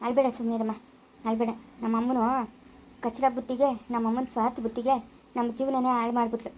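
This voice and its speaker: A woman voicing a calm, protective elder brother-in-law who soothes and reassures. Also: a little high, fast talker, slight background noise, close to an everyday voice. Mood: soothing. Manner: soothing, steady.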